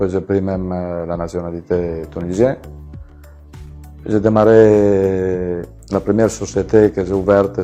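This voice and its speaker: Italian-accented businessman, dark low voice. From Venice region, Italy. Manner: halting, many fillers and restarts. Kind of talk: presenting his company to camera.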